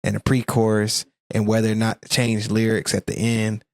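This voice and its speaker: Low-voiced Southern man, rambling chat. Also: monotone, moderate pace, no room sound. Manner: rambling, searches for words. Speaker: reaction video co-host. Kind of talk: casual chat.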